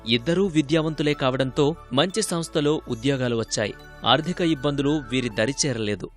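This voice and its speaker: A man narrating a television news feature in a measured, formal reading voice. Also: mid-range voice, faint music behind. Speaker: news reporter.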